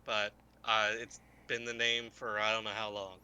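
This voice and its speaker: A man voicing a jaded, gruff male mushroom-folk warrior leader who talks bluntly and curses offhandedly. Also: lowish voice, monotone, moderate pace, bright, forceful tone. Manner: blunt and weary, swears casually.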